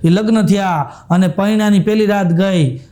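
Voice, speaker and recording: High-voiced Kathiyawadi comic, chuckling. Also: male voice, a little slow, warm tone. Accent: Kathiyawadi Gujarati. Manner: chuckles through punchlines, repeats catchphrases. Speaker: stand-up comedian. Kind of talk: live joke-telling on stage. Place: live stage show with audience.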